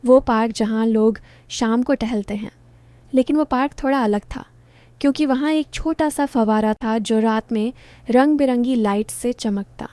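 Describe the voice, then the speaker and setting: A woman confides a romantic story in the first person, her voice fairly high yet soft and mellow. The sound is close and dry, with no room around it. She talks as if sharing a secret with a friend. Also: normal speed, smooth, no room sound.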